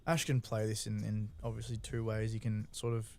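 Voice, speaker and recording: Male poker analyst, fairly low gravelly voice, informal and explanatory strategy commentary. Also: monotone, brisk, dark tone. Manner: informal, explanatory, often checking in with "right?".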